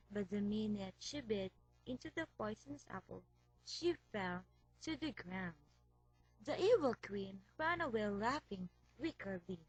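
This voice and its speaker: A woman reading a fairy tale aloud as storyteller, slow and careful. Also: on the high side, husky, dry recording, rough recording.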